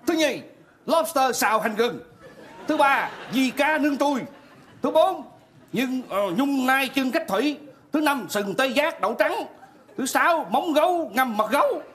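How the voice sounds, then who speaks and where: Sly old village elder. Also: male voice, extremely high pitch, animated, measured pace, pauses often, heavily acted. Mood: playful. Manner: playful, reading out loud. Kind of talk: live stage comedy sketch.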